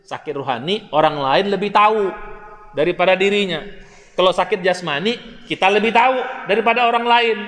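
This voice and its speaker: An older man gives a dawn lecture in a mosque, his high voice ringing through the hall with a long reverb. He talks in a lively, folksy way, often calling out to the men and women listening. His tone is bright and forceful. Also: fairly quick. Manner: lively, folksy, addresses listeners as Pak and Bu, asks the crowd questions. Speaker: preacher.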